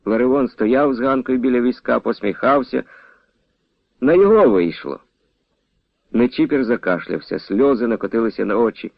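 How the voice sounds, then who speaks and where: A man narrating a novel in an expressive storytelling manner. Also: medium pitch, moderate pace, gravelly, no echo, muffled recording.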